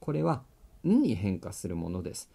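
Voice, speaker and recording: A man's voice: fairly low pitch, wildly swooping pitch, moderate pace, creaky, mellow, slightly rough. A man teaching a grammar video lesson, explaining step by step in a friendly way and checking in with the viewer as he writes on a board. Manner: writes on a board while talking.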